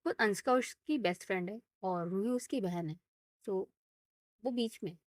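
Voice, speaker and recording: A young woman vlogging in a casual, animated way, ranting about home life and then retelling a story, switching between Hindi and English. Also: mid-range voice, moderate pace, no room sound, studio quality.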